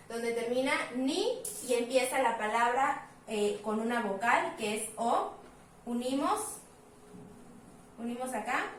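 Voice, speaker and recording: Patient female teacher at a whiteboard, fairly high voice, slow and repetitive on key words, roomy echo, mic kept at a distance. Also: a little hiss or hum. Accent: Mexican Spanish. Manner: patient, says example words slowly and repeats them. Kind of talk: explaining at a board. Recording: echoey room, voice from a distance.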